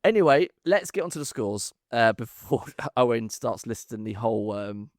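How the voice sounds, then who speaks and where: A man's voice: mid-range voice, expressive, moderate pace, no echo, studio quality. A man hosting a casual quiz chat, who says th as f and often restarts his words. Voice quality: th-fronting, says th as f. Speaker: host of a film ranking quiz podcast.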